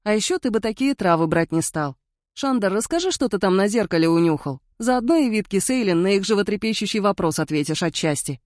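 A woman's voice: medium pitch, animated, brisk, darkish tone, dry recording, clean studio sound, lightly acted. A woman voicing a clever young male investigator who reasons aloud with a teasing edge. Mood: wry.

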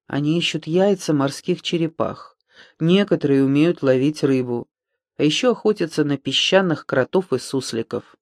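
A man's voice: fairly high pitch, normal speed, dry recording, studio quality, lightly acted. A man reading an audiobook, voicing a clever boy who explains things in a lecturing tone. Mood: explaining.

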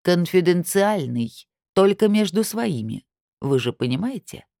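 A sly, sharp-tongued older woman, read by a woman narrator, gloating and mocking in a storybook voice. Her tone is low-set but swings a lot, with a dry, close sound. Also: sing-song, a little fast, no room sound, heavily acted.

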